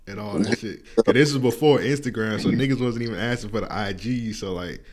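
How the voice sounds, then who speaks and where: A man's voice: on the low side, fairly quick, a little mellow. A man hosting a podcast, chatting loosely with lots of slang and filler words. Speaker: podcast host. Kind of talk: casual interview chat.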